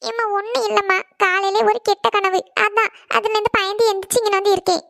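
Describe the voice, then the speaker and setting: A whiny, tearful cartoon college girl, as a woman puts her on, in a very high, drawn-out pleading voice. She sounds sulky and upset. The recording is dry and close. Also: flat delivery, vocal fry, a bit bright, dry recording, full character voice. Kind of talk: cartoon voice acting.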